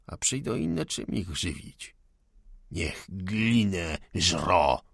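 A man's voice: sits low, sing-song, drawn-out words, gravelly, a bit bright, no room sound, studio quality, heavily acted. A man voicing a stubborn old male servant, a blunt peasant who grumbles in folksy speech, in an audiobook. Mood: stubborn grumbling.

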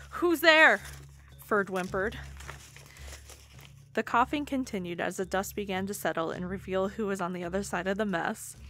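A woman co-hosting a comedy podcast, reading fan fiction aloud with animated storytelling. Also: medium pitch. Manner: animated storytelling, breaks into laughter.

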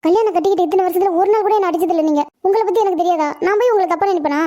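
Cartoon role: voice actor doing a high, rapid-fire village housewife with a Tamil Nadu accent, devoted and patient. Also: mellow, dull audio. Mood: regretful. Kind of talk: cartoon voice acting.

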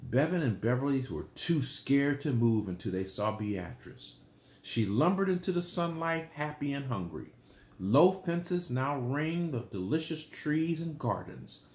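A man reading a bedtime story aloud and gently explaining it to children. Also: mid-range voice, sing-song, a little slow, reverberant. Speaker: storyteller, channel host.

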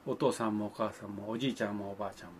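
A man's voice: on the low side, steady tone, very fast, slight background noise. An older man, talking to children in a folksy, grandfatherly way, with old-fashioned speech and playful sound effects. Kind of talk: folksy monologue to the camera.

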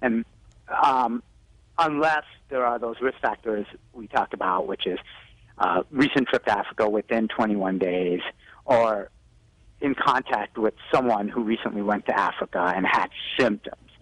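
Calling in live to a news broadcast, a physician gives health tips, peppering them with "you know." He speaks at a normal speed in a lowish, slightly bright voice. The telephone sound is poor, with no room acoustics.

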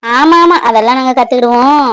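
A woman's voice: high-pitched, a little fast. A young woman, playing a playful, chatty village girl wary of her strict family. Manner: playful and chatty, lively intonation. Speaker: actor in a family fan drama. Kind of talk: village romance drama acting.

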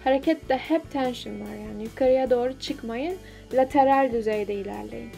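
A woman's voice: fairly high pitch, normal speed, gravelly, over music. A young woman vlogger talking casually and explaining a workout step by step in an instructive, slightly self-deprecating way. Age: young adult. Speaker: fitness vlogger.

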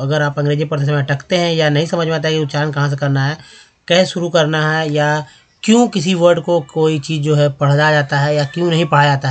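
A man hosting a spoken language lesson, explaining briskly and reading word lists slowly and deliberately. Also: on the high side. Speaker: English teacher and channel host.

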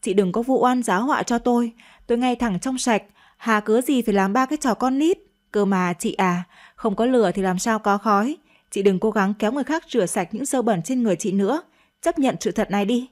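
A woman's voice: a little high, a little fast, natural voice. A woman reading a radio story, voicing a spiteful young sister-in-law with a needling, sarcastic way of talking. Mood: sneering.

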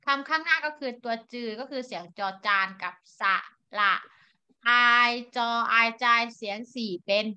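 Bright patient woman teaching young children. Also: on the high side, expressive, clean tone. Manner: patient, spells sounds out slowly for children. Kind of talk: online classroom lesson. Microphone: video call. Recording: dull lo-fi online call audio.

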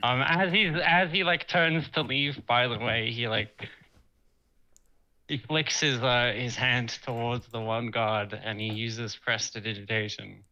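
A man's voice: medium pitch, fairly even intonation, measured pace, pushed and bright, lo-fi sound. A man playing a tabletop game, casually narrating his character's actions and speaking in character. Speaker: player.

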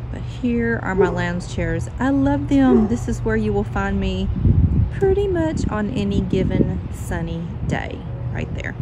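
Very animated yet unhurried, a woman vlogs a home tour with background noise audible. Her phone is held at arm's length while she films on her patio and inside the house. Chatty throughout, she coos at her dog in a high sing-song voice.

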